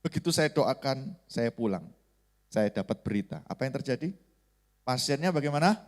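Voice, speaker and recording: A man from Indonesia, a pastor, preaching a sermon in an earnest storytelling manner that swings between raised emphasis and hushed, quiet passages. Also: mid-range voice, animated, moderate pace. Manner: earnest storytelling with sudden rises and hushed drops; calls the congregation "saudara".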